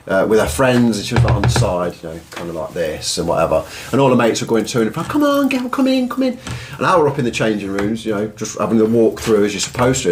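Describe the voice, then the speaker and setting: A man's voice: lowish voice, a little hiss or hum. A man from England with an East Midlands accent, telling rambling, self-mocking stories as a guest on a casual podcast. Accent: English East Midlands. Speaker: podcast guest, musician and former lifeguard. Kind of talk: casual storytelling chat.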